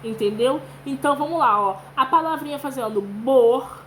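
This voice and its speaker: A woman's voice: sits high, moderate pace, fairly bright tone, slight background noise, poor audio. A woman with a Brazilian Portuguese accent teaching young children, reading aloud and sounding out syllables patiently. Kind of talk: children's lesson with read-aloud.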